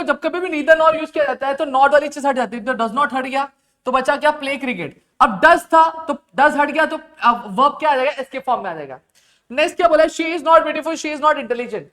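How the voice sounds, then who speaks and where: A male teacher running a recorded grammar lesson. He keeps asking quick questions, then dictates the answers slowly, dropping to a low murmur as he writes them out. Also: fairly bright tone.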